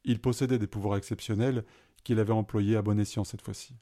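A man reading an adventure story aloud in a calm, even narrating voice. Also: on the low side, a little fast.

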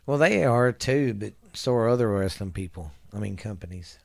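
A man's voice: on the low side, expressive, moderate pace, gravelly, dry recording. A man hosting a casual podcast, reading a wrestling history recap from notes, often stumbling over names, correcting himself and chuckling at his slips. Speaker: podcast host.

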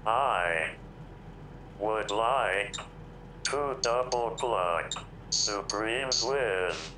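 A man voicing a flat, slow-talking male AI co-host that speaks word by word. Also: lowish voice, echoey room, a little hiss or hum, heavily acted. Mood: deadpan. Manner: halting, word-by-word robotic delivery.

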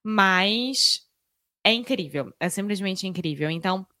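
A woman's voice: medium pitch, lively intonation, a little slow, pushed and bright, dry recording, studio quality. A Brazilian woman co-hosting a podcast in casual conversation, speaking expressively and emphatically. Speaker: podcast co-host.

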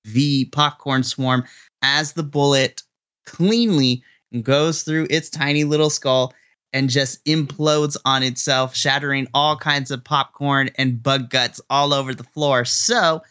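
A man running a tabletop game as dungeon master, animated and laughing often. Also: mid-range voice, takes it slowly, clear, resonant tone.

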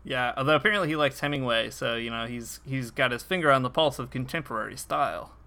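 A man talks through a TV episode with his co-host in an easygoing, conversational way. His voice is bright and smooth. He laughs easily and circles back over his words as he goes. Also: mid-range voice, quick pace. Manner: laughs often, with many fillers and restarts. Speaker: podcast co-host. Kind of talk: casual chat about a TV episode.

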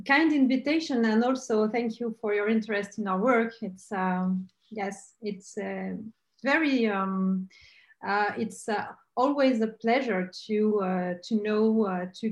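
A woman's voice: medium pitch, roomy sound, low-quality recording. A woman with a French accent, a researcher answering interview questions over a call, hesitant with many fillers. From France. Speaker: guest researcher.

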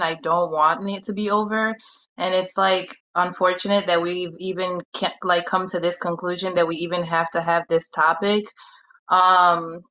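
20s woman from congo calling in, bright forceful voice, bit muffled line. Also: on the low side. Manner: earnest, reflective, lots of fillers. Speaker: caller.

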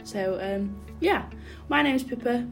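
A woman's voice: a little high, expressive, slow, vocal fry, over music. A young woman, casually hosting a group discussion and giving her views. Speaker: discussion host. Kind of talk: casual chat.

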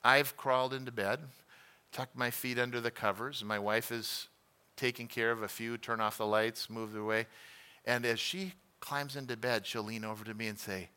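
A man's voice: medium pitch, steady tone, moderate pace, bright, forceful tone, smooth. A middle-aged male pastor teaching a conversational sermon class, telling home stories and asking the room questions. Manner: conversational, self-deprecating, asks the room questions.

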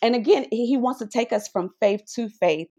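Animated preacherly woman sharing testimony. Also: a little high, brisk. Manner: animated, preacherly, often asks "right?". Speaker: podcast guest. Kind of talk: faith testimony conversation.

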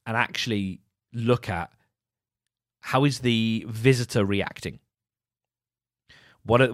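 A man's voice: mid-range voice, no echo. Wry man reviewing in dry sound. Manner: wry, mocking, lots of restarts and repeats. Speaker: podcast host. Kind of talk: casual solo commentary.

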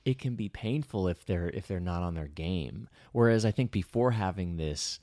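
Here the same kind of speaker, a man who co-hosts a podcast and gives public talks, sounds low, a little mellow, and lively in intonation at normal speed. The dry, studio-quality recording captures casual chat where he muses aloud and keeps restarting sentences.

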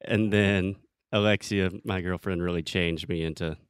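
A man hosting a casual interview as a relaxed chat with his guest. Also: sits low, moderate pace, smooth, no room sound, studio quality. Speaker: host, interviewer.

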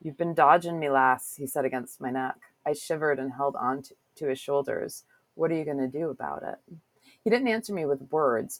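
A woman's voice: extremely low pitch, darkish tone, no echo, poor audio. A woman hosting a casual interview with a chatty, curious, self-deprecating manner, who also reads a passage aloud. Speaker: podcast host.

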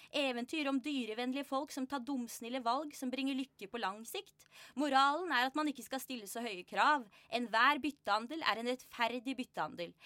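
A woman with a high, bright voice reads aloud from her own book in a studio. She delivers the text in a dry, quick manner, now and then amused at it herself. The sound is close and dry, with no room around it. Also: no room sound. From Norway, Drammen. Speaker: author reading her book. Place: radio studio.

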